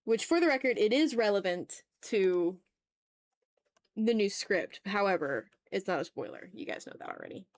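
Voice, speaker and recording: A woman streamer draws on an art livestream while chatting casually, half to herself and half to viewers, in an informal, self-critical way. Her medium-pitched voice is expressive and moderately paced, with no room sound.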